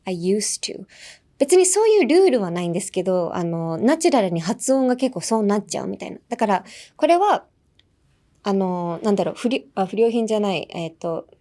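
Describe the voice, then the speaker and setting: A young woman hosts a pronunciation lesson in an easy, bubbly way. She repeats each word slowly for practice and laughs between points. Her voice sits mid-range but jumps up and down a lot. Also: mid-range voice, big pitch swings, dark tone. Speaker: English pronunciation teacher and host.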